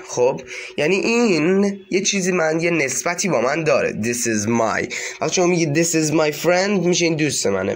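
Iranian man slowly teaching English lines. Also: a little high. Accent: Iranian Persian. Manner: reads English lines slowly, then translates. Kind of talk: textbook lesson walkthrough.

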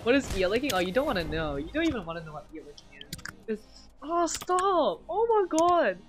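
A woman's voice: fairly high pitch, sing-song, a little fast. A woman streamer chatting and teasing her teammates while gaming, laughing often. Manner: giggly, teasing. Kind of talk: casual gaming chat.

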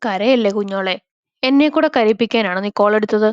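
A woman's voice: mid-range voice, brisk, smooth, dry recording, close to an everyday voice. A woman voicing a young man who teases his younger sister fondly, on a slightly dull, dry recording. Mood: teasing. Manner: affectionate and teasing. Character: young man, fond, teasing elder brother.

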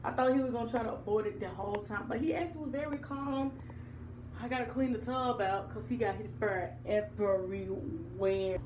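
A woman's voice: a little high, normal speed, dull audio, background noise. A young American woman chatting casually to viewers and cooing playfully, sing-song, to her pet. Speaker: dog owner vlogging. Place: small tiled bathroom, later carpeted room at home. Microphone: handheld or propped phone.

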